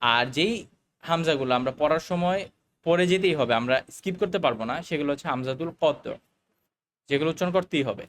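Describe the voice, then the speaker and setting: A man teaching a recorded Arabic lesson, explaining the grammar slowly, with fillers and English words mixed in. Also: on the high side, slight background noise.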